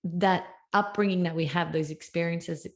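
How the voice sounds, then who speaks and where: A woman with an Australian accent and a hoarse, croaky, husky voice, hosting a podcast with introductions and interview questions. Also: on the low side, steady tone, normal speed. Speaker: podcast host.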